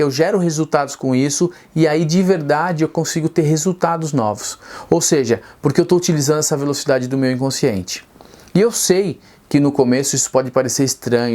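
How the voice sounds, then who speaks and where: A man's voice: on the high side, fairly quick, darkish tone. A middle-aged man teaching speed reading straight to camera, earnest and persuasive, asking rhetorical questions and answering them himself.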